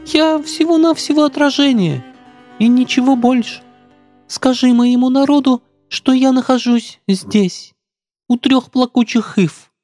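A man voicing a gentle young princess who exists only as a reflection in a river, speaking softly and wistfully. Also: extremely high pitch, unhurried, faint music behind, pitched above the performer's own voice. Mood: tender. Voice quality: soft, tender voice. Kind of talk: storybook reading.

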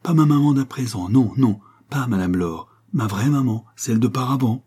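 A man's voice: medium pitch, lively intonation, normal speed, warm tone, husky, voice pushed up. A man reading aloud and voicing a tearful eight-year-old girl in a storybook, speaking in a raised, plaintive voice. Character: sad little girl of eight, dreamy, tearful.

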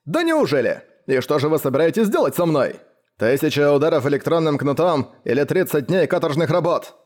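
A man voicing a brash, boastful biker who talks loudly and mockingly, with a raised, swaggering voice. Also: on the high side, very animated, brisk, pitched above the performer's own voice. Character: brash boastful male biker, loud and cocky.

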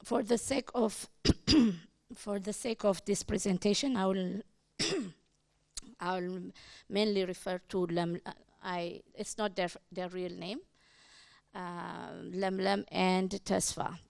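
A woman's voice: mid-range voice, fairly even intonation, takes it slowly, creaky, no echo. A middle-aged woman from Ethiopia giving an academic conference presentation, hesitant, with many fillers and restarts. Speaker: conference speaker, independent researcher.

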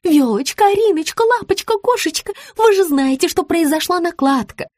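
A woman's voice: very high voice, lively intonation, moderate pace, a little mellow, no echo, studio quality, voice pushed up. A woman voicing a fawning, flustered woman who coos sugary pet names and stammers in mumbled fillers. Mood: wheedling. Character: fawning flustered middle-aged woman, wheedling.

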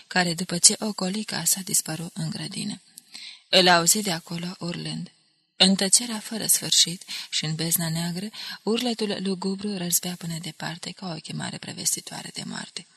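Gravelly woman narrating an audiobook. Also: on the low side, bright, forceful tone, no room sound. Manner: measured, dramatic reading.

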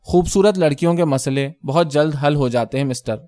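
A man reading the lines of a composed young woman in a story, speaking calmly and matter-of-factly. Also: a little high, dry recording, natural voice. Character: calm self-assured young beautiful woman.

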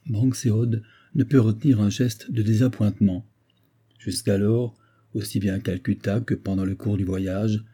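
A man narrating a first-person novel in a measured, steady storytelling manner. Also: lowish voice, breathy edge. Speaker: audiobook narrator.

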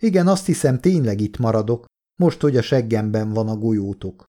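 A man voicing a brash, profane young male soldier who wisecracks and yells in an audiobook. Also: lowish voice, close to an everyday voice. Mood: indignant. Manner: profane, shouting, cocky.

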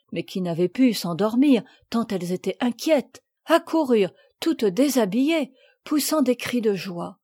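A woman reading a classic children's novel aloud in a clear, measured storytelling manner. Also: on the high side, warm tone, dry recording, clean studio sound. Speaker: audiobook reader.

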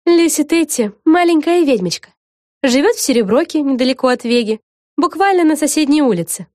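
A woman's voice: sits high, expressive, a little fast, darkish tone, no echo, studio quality, pitched above the performer's own voice. A woman voicing a wry, chatty young witch who explains things in a knowing tone. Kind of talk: audiobook character voice.

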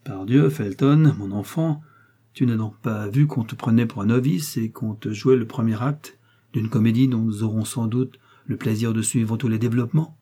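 A man's voice: on the low side, normal speed, mellow, husky. Man doing a sneering, mocking nobleman. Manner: sneering, laughing, taunting. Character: mocking English nobleman, scornful jailer.

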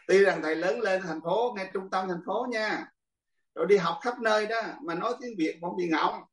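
A man's voice: sits high, moderate pace. An older man, a monk, teaching a class in casual, chatty talk, often laughing and speaking straight to his students. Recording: echoey room, far from the mic.

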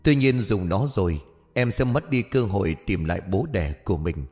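A male narrator voicing a gentle, mysterious young man who speaks softly and tenderly. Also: fairly low pitch, animated, moderate pace, in a large hall, soft background music, close to an everyday voice. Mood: calm. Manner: soft, hushed and tender.

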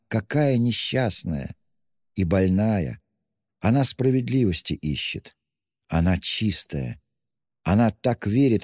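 Guy doing a shy pleading young woman, raised pitched voice, long reverb. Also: dark tone, studio quality. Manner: pleading, breathless, wringing out words. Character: timid, pious young woman, pleading and tender.

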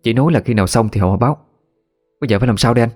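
A man's voice: medium pitch, a little mellow, faint music behind, pitched above the performer's own voice, close to an everyday voice. A male narrator voicing an anxious young female secretary, talking hurriedly. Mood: worried. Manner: hurried, worried.

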